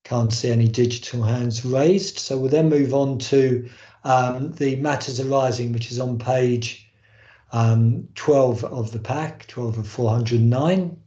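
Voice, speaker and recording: A man's voice: medium pitch, steady tone, slow, warm tone. A man chairing a formal board meeting on a video call, speaking with frequent hesitant ums. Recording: muffled, roomy video call audio.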